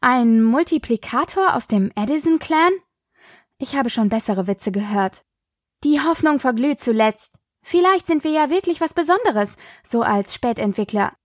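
A woman's voice: high voice, lively intonation, no echo, studio quality. A woman reading an audiobook, voicing a sarcastic, teasing teenage daughter. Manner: sarcastic, quick-tongued.

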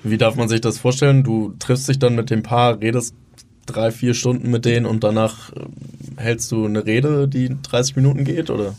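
Dark-voiced interviewer asking friendly questions. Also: mid-range voice, steady tone, normal speed. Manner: brief backchannels and friendly questions. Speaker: interviewer, host.

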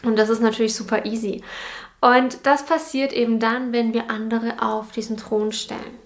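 A woman's voice: a little high, level tone, normal speed. A woman hosting a solo podcast as a business mentor, speaking directly to the listener and repeating key phrases for emphasis.

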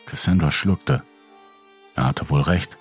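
Deep, husky male horror narrator. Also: soft background music. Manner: dark, measured storytelling.

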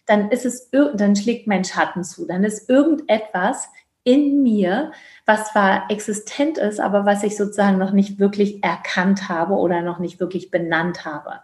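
A woman's voice: medium pitch, normal speed, darkish tone, roomy sound. A woman in her fifties, raised in Georgia, speaking earnestly and thoughtfully as an interview guest. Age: 50s. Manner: earnest, thoughtful, with many restarts. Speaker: midwife. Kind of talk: reflective conversation.

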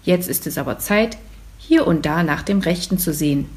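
A woman's voice: fairly low pitch, animated, a little mellow, close to an everyday voice. A woman reading aloud, voicing a cheerful, bossy, tidy little girl in a children's story. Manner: brisk and commanding.

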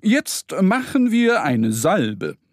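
A man's voice: high voice, huge pitch swings, drawn-out words, no room sound, studio quality, pitched above the performer's own voice, exaggerated voice. A man voicing an enthusiastic stag pharmacist who explains herbal medicine in a children's story. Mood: hearty. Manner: hearty, explaining.

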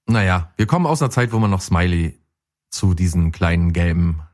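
Lively teasing man, pitch all over. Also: a little fast. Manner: teasing, laughs often. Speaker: podcast co-host. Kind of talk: casual comedic chat.

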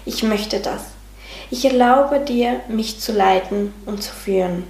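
A woman's voice: mid-range voice, takes it slowly, a little mellow, natural voice. A woman voicing an unhappy grown woman who feels lost, talking in a hesitant, questioning way. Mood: resolved. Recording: roomy sound with faint music.

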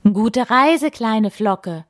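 A woman voicing the wind as a big, playful male figure in a children's story, booming yet apologetic. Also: animated, very slow, no echo, studio quality. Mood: cheery. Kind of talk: bedtime story voice.

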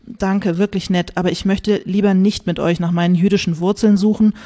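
A woman's voice: mid-range voice, fairly even intonation, a little fast, mellow, natural voice. A woman playing a reluctant, guarded young woman. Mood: firm. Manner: hesitant, curt.

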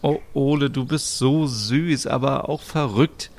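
A man as a sweet young woman who gushes, slow and a bit gravelly. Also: mid-range voice, voice pushed up, natural voice. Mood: gushing. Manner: gushing and soft-hearted. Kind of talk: voicing characters in a narrated story.

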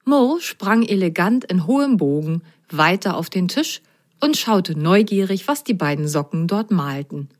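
A woman narrating a children's story in a gentle, clearly spoken way. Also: on the low side, sing-song, measured pace.

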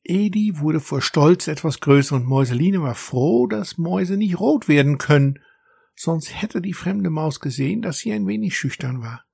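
A man narrating a children's story in a gentle, even storytelling manner. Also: a little high, moderate pace, vocal fry, slightly rough, no echo, studio quality.

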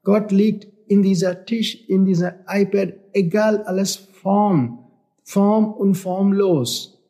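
Here a man with a high-pitched, mellow voice takes his time delivering an earnest spiritual talk in German, which is not his first language. As a spiritual teacher, he fills it with repetition and rhetorical questions.

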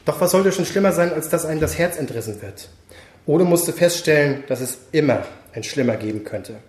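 A man hosting a podcast, reading his own dark story aloud in a slow, grave manner. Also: fairly high pitch, expressive. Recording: roomy echo.

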